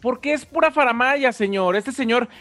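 Wry high-voiced man co-host. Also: normal speed, a bit bright, no echo. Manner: explaining, wry teasing. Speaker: radio co-host. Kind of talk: comedic radio banter.

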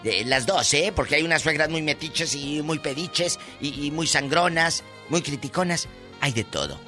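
A man's voice: fairly high pitch, normal speed, sharp tone, faint music behind. A man with a Mexican accent hosting a radio talk show, flamboyant and playful with a big theatrical voice. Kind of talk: casual radio chat.

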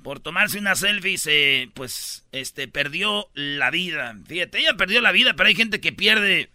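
A man's voice: sits high, animated, unhurried, bright, forceful tone, dry recording. A man with a Mexican Spanish accent hosting a radio show, telling news stories with teasing, slang-heavy banter.

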